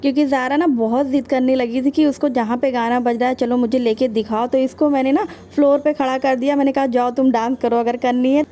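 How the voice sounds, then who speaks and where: A woman's voice: high-pitched, mellow, a little hiss or hum. A young woman casually narrating her day for a vlog, chatting to viewers as friends. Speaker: vlogger.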